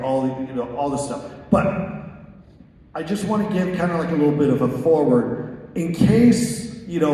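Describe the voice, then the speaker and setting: A man's voice: on the high side, mellow. Chatty man moderating a live panel. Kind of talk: casual onstage Q&A hosting. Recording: echoey hall, mic from far off.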